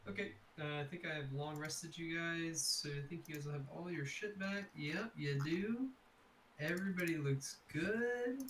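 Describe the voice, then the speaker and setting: A man as game master chatting casually between tabletop game sessions, relaxed and offhand. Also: on the high side, normal speed. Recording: echoey, distant mic, faint background hiss.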